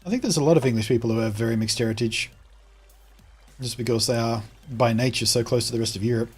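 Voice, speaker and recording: While gaming live from home, an Australian-accented man chats casually and replies to viewer comments. He talks fast in a mid-range voice with a darkish tone and a breathy edge.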